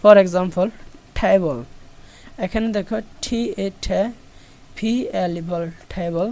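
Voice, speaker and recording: A woman's voice: on the low side, steady tone, takes it slowly, mellow. A woman with a Bangladeshi accent teaching an online English lesson, explaining step by step and repeating each example.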